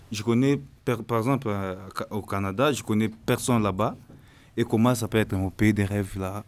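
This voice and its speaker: Man in a group discussion, lowish voice, earnest. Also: a little mellow. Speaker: discussion participant.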